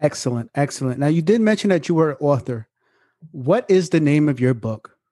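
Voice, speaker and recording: A man's voice: a little high, animated, a little fast, mellow, no room sound. Joking podcast host, man, dry sound. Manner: playful, joking, swears, mock radio voice. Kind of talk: casual podcast chat.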